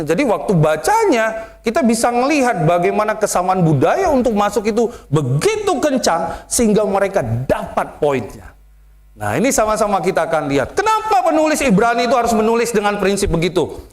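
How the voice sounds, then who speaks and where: A man preaching a sermon as pastor, telling lively stories and mimicking how other people talk. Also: high-pitched.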